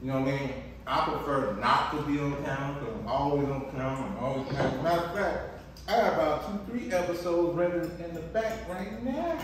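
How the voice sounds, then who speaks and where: A man's voice: on the high side, fast. A man co-hosting a family vlog, bantering playfully to the camera at the breakfast table with lots of restarts. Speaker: husband and co-host of a family vlog. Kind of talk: casual chat to camera. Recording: roomy echo, distant mic, faint noise.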